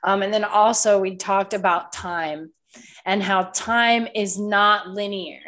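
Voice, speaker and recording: A podcast host chats casually in a medium-pitched, slightly bright voice, speaking slowly with fairly even intonation. She sounds a bit congested and nasal, coughs slightly, talks loosely, swears often and says "like" a lot.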